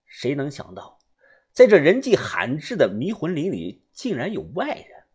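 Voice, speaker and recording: A man's voice: on the high side, huge pitch swings, moderate pace, breathy edge. A man narrating a first-person adventure story in a conversational, dramatic way.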